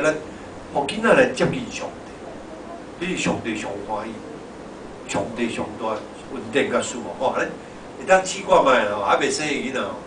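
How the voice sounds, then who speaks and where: A middle-aged or older male pastor with a Taiwanese Hokkien accent gives an informal, conversational sermon, exhorting and repeating his phrases. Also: mid-range voice. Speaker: pastor preaching. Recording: echoey hall, distant mic, noisy background.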